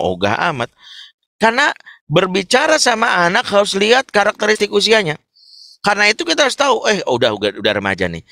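A man teaching an Islamic parenting webinar in an animated, humorous way, acting out examples. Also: high voice, vocal fry, dry recording, studio quality.

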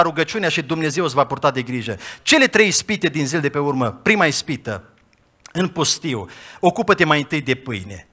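A man preaches in speech, his voice bright and forceful and pitched a little high. He moves from loud, lifted appeals down to quiet, low asides as he acts out quoted voices. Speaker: pastor. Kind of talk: sermon.

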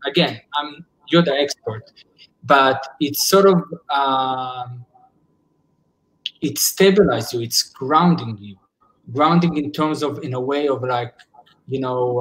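Through a laptop webcam indoors at home, a man in his forties, a psychologist, speaks with a medium-pitched voice in a casual video call discussion. Earnest, he often restarts sentences while looking for words. The recording quality is low.

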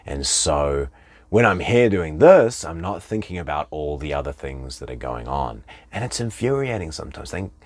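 A man coaching in a webinar talk, animated, acting out the people he quotes with big jumps in pitch. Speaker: relationship coach.

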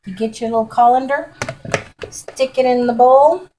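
A middle-aged home cooking vlogger gives a casual recipe demonstration in her kitchen, recorded by a camera close by on the counter as she chats folksily with viewers. Her voice is fairly high and mellow at a moderate pace, and the rough recording has a little hiss or hum.

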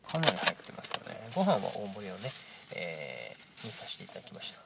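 A man in his thirties with a nasal, stuffy-nosed voice from a cold, giving a casual, halting food review to camera. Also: low-pitched, huge pitch swings, creaky, noisy background. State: congested with a cold. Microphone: camera at arm's length.

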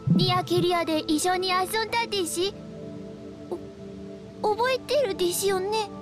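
A woman's voice: very high voice, a little slow. A woman voicing a small, cute, timid spirit creature in a video game, with childish, quirky phrasing. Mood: worried pleading. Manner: childish, quirky sentence endings. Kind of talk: Japanese RPG cutscene voice acting. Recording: game soundtrack music behind.

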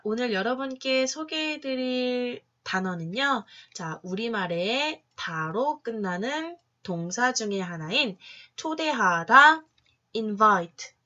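A woman teaches phonics in a slow, coaxing way, drawing out each letter sound. Her tone is bright and clear, but the recording is a little dull and lo-fi. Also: on the high side. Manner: chirpy teacherly coaxing, drawn-out syllables. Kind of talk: online phonics lesson.

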